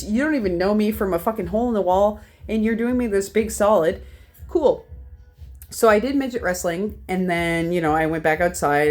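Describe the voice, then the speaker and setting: A young Canadian woman telling a rambling, profane convention story in a casual vlog, a little tipsy from whiskey. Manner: rambling, profane, animated jumps in pitch. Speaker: vlogger, horror collector.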